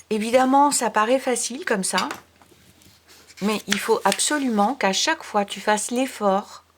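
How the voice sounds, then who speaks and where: A woman teaching young children from home, in a slow, unhurried delivery. She is patient and careful, spelling words letter by letter and sometimes murmuring quiet asides. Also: mid-range voice. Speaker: primary school teacher.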